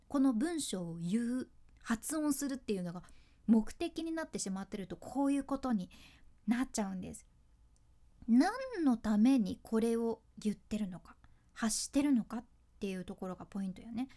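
A woman's voice: a little high, warm tone. A woman with a Fukuoka accent, a freelance announcer and speaking coach, telling stories in a casual solo talk, laughing often and acting out quotes. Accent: Fukuoka Japanese. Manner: chatty storytelling, frequent laughs, acts out quotes.

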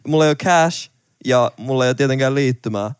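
A man's voice: mid-range voice, smooth, no echo, clean studio sound. Young man telling a travel story. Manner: animated, laughing, swearing. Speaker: podcast co-host. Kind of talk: casual storytelling.

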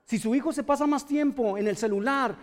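A man's voice: extremely high pitch, brisk, in a large hall. A man with a Mexican accent preaching a sermon, scolding and questioning his listeners directly. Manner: addresses listeners directly with pointed rhetorical questions.

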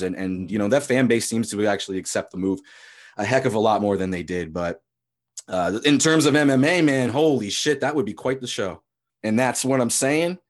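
A man hosting a casual sports podcast who rambles in a relaxed way and swears freely. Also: fairly low pitch. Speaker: podcast host.

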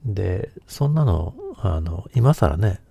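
A man's voice: deep voice, lively intonation, slow pace, gravelly, warm tone, husky, no room sound. A man hosting a casual solo podcast who talks in a meandering way, hesitating often and correcting himself. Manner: meandering, self-correcting talk with many hesitations. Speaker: podcast host.

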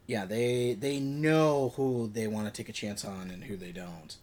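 A man talking casually about films as a podcast co-host, often halting as he searches for details. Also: on the low side, darkish tone. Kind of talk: casual film discussion.

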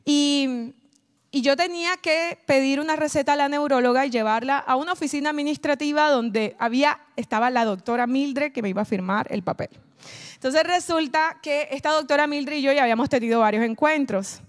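Woman giving an emotional testimony, high voice, talks right to the crowd, animated storyteller. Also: a little fast. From Colombia. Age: adult, mother of a child. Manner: animated storytelling, addresses the audience directly. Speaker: speaker giving a personal testimony. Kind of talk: emotional personal testimony talk.

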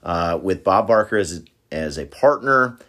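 A man with a fairly low voice talks through favorite film scenes in a relaxed podcast chat. He agrees easily and retells the action step by step in an easygoing way. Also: moderate pace. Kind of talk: casual chat about movies.

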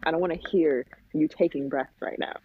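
A woman's voice: deep voice, fairly quick, breathy edge. A woman guest in a casual chat, blunt and exasperated, mimicking voices, heard over a tinny phone-like line.

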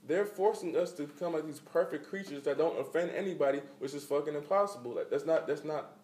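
A man's voice: a little high, fast, darkish tone. A man on a casual podcast, ranting emphatically with lots of slang and profanity. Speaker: podcast co-host. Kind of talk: casual chat. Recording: echoey room, mic at a distance.

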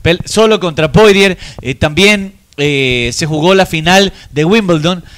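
A man's voice: fairly high pitch, measured pace, heavy background noise. A man hosting a radio sports show, bantering casually and teasing his co-hosts. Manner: teasing, corrects others' pronunciation.

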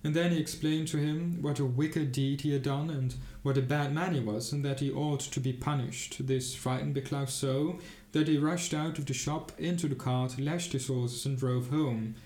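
A man narrating a fairy tale in a steady, even storytelling manner. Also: mid-range voice, moderate pace. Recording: roomy, echoey room.

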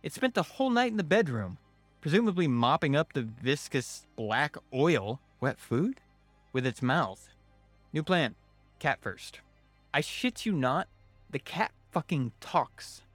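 A man's voice: a little high, very animated, measured pace, no room sound, soft background music. A man narrating a scripted first-person horror story in a wry manner.

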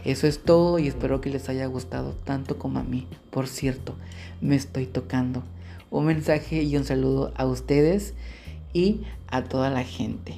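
A man's voice: mid-range voice, moderate pace, creaky, mellow, faint music behind. A man co-hosting a podcast, reading a listener's story aloud in a frank, chatty and playful way. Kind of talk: casual chat and reading aloud.

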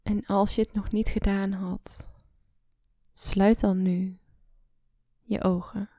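A woman guiding a relaxation meditation, speaking slowly and softly, often in a whisper, close to the mic. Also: medium pitch, little pitch movement, no echo. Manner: slow soft-spoken, often whispering. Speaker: meditation guide.

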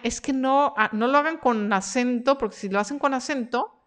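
A woman's voice: high-pitched, moderate pace. A woman hosting a live stream Q&A about her freelance workshop, reading viewer comments aloud in a chatty, encouraging way.

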